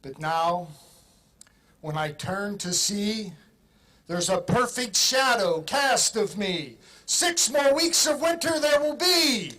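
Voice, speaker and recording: A man reading out a formal ceremonial proclamation like a town crier, declamatory and measured. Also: high-pitched, very animated, sharp tone, a little hiss or hum, low-quality recording. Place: outdoor ceremony.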